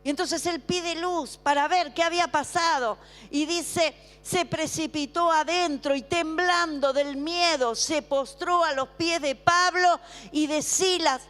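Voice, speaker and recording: A woman preaching a sermon, calling on the congregation to repeat after her and dropping to a hush for emphasis. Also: extremely high pitch. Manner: call-and-response, asks congregation to repeat; swings between emphatic slow declarations and hushed drops. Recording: long hall reverb with faint music.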